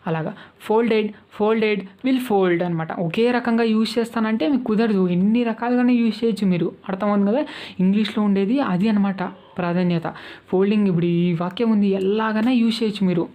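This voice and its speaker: A woman's voice: medium pitch, fairly quick, mellow. A woman with a Telugu accent teaching spoken English, patiently repeating each verb form and checking that her students follow.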